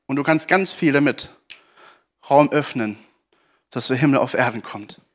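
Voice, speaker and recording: A man preaching a sermon, telling a Bible story with animated delivery and acting out shouts and pleas from the characters. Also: mid-range voice, moderate pace.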